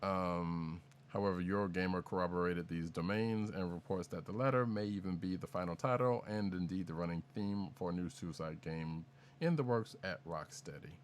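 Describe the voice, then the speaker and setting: Speaking in a low voice at normal speed, this podcast co-host chats his way through the news, rambling, restarting sentences and joking around. There's slight background noise in the recording.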